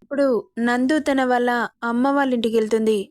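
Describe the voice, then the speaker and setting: A woman's voice: a little high, fairly even intonation, a little fast, darkish tone, no echo, lightly acted. A woman reading the part of a firm, traditional middle-aged mother in a story. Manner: firm, insistent.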